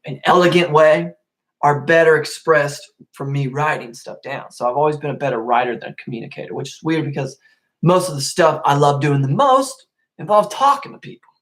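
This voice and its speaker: A young man hosting a casual solo podcast, rambling and swearing a lot, getting worked up and then calming down. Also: on the high side, fairly quick. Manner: rambling, profane, easily worked up. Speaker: podcast host.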